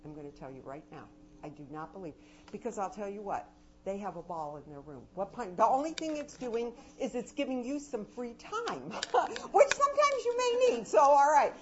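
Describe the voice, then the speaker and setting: An older woman giving an animated, anecdotal talk on parenting to a live audience, her voice swinging between soft and loud. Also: medium pitch, moderate pace. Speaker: parenting and education speaker. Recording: dull lo-fi recording with loud noise.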